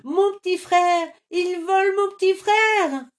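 A voice actor playing an excitable young boy chick in an animated series, shouting and grumbling when cross. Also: sits high, takes it slowly. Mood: panicked.

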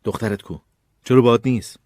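A man's voice: mid-range voice, darkish tone, no room sound, studio quality, natural voice. A man voicing a brutal, impatient escaped convict who snarls out threats in a storybook reading. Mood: threatening.

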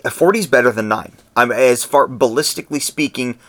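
A man co-hosting a podcast, talking in a relaxed, conversational way and explaining his points at length. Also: mid-range voice, fairly quick. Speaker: podcast co-host. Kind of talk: casual podcast chat.

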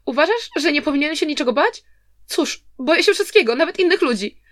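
A woman's voice: high-pitched, lively intonation, fairly quick, a bit bright, no echo, clean studio sound, voice pushed up. A woman voicing a scheming young nobleman who pleads and questions defensively. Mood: plaintive. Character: scheming young nobleman, plaintive and self-pitying.

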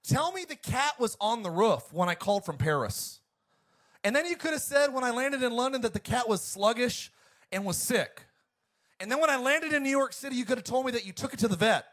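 A man's voice: very high voice, lively intonation, a little fast, a bit bright. A man doing an indignant scolding wife. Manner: indignant, lecturing. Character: exasperated wife scolding her husband.

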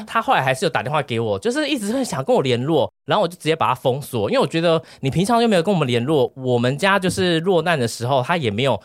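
A man's voice: on the high side, racing, few pauses, no echo, clean studio sound. A man in his thirties from Pingtung with a Taiwanese Mandarin accent, telling a story as a podcast co-host. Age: 30s. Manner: animated storyteller, laughs often. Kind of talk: casual chat, anecdote telling.

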